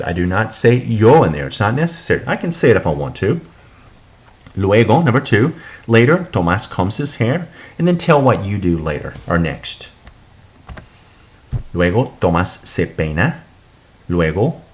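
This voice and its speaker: Guy with a low voice running a spanish class video, slow patient explaining, says the example then the translation. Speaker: Spanish teacher. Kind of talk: recorded classroom lesson.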